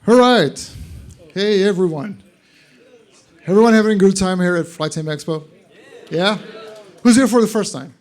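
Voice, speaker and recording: Speaking at a normal pace with frequent pauses, a high-voiced man with a Portuguese accent gives a relaxed live presentation at an expo. He addresses the crowd directly, as if in conversation.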